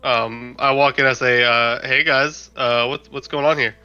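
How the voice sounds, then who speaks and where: A man with a very bright, forward voice role-plays casually as a game player. The audio is a little dull and band-limited, with faint music behind. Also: medium pitch, fairly even intonation, measured pace, clean tone. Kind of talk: casual in-character role-play.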